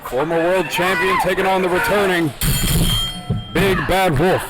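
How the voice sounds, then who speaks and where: A man giving excited, emphatic play-by-play commentary at a wrestling show. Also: high voice, unhurried, very noisy. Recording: loud music and crowd behind.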